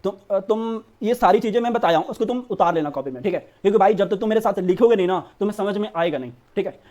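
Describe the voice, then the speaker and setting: Speaking fast in a high-pitched, darkish voice, a commerce teacher runs an online accounts class for board exam prep. He encourages students like an older brother, repeatedly dropping "theek hai."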